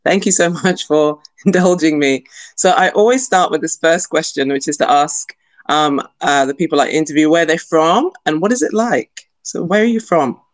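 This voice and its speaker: A woman's voice: sits low, moderate pace, dry recording. A woman hosting a podcast interview, introducing her guest and asking questions with friendly, enthusiastic reactions. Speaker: podcast host and lecturer.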